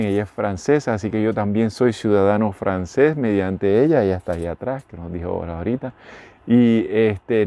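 Inside a motorhome's small room, a middle-aged Puerto Rican vlogger with a Puerto Rican accent chats casually to the phone he holds at arm's length. His voice is lowish and mellow, with no room sound. He rambles and keeps correcting himself.

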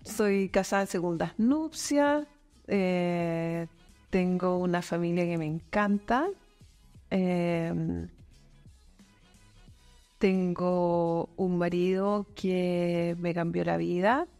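A woman's voice: fairly low pitch, very slow, a little mellow, faint music behind. A woman in her fifties from Chile, a guest talking thoughtfully in an office studio interview, with many fillers and restarts. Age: 50s. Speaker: guest, company manager. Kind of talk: casual interview chat. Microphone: desk boom mic.

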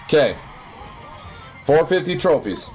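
Excitable young man narrating gameplay. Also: fairly high pitch, unhurried. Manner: excitable, yelps and squeals at wins. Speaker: gaming YouTuber. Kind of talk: casual gameplay commentary. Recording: faint music behind.

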